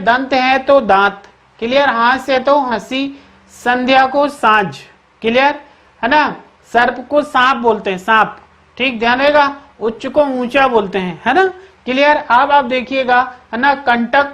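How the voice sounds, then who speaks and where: Slightly high-voiced woman teaching grammar. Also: a bit bright. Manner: keeps checking in with the class and answers her own questions; repeats key words slowly for emphasis. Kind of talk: exam-prep grammar lesson.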